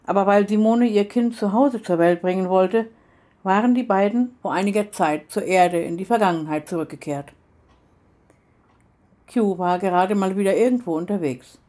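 A woman reading a story aloud as narrator in a steady, even way. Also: mid-range voice.

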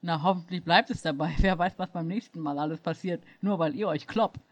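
A woman reading a German fan story aloud, voicing a patient, good-humoured young man who explains things calmly. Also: lowish voice, fairly quick, no echo, dull audio, close to an everyday voice. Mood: amused. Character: patient, amused young man, a calm helper.

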